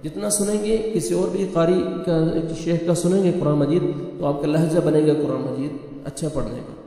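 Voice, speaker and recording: A man's voice: a little high, fairly even intonation, fairly quick, gravelly, warm tone. A man teaching a Quran recitation lesson, patiently and methodically spelling out letters and vowel marks step by step. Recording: roomy reverb, long echo, faint music.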